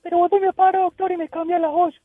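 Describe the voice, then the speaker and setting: Man putting on a squeaky, pleading patient. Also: little pitch movement, racing, no echo, narrow, tinny audio.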